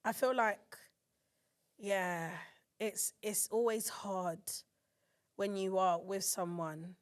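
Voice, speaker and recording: A woman's voice: mid-range voice, slow, clear, resonant tone. A woman in her thirties from England, co-hosting a podcast in casual chat, telling stories with feeling. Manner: emotional, animated storytelling with put-on voices. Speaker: podcast co-host.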